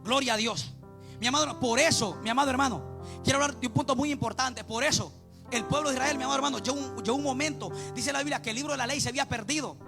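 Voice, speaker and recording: Male preacher, very high and fast, gravelly edge, fervent sing-song sermon delivery, faint music behind. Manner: impassioned, repeats "mi amado hermano", chants some lines.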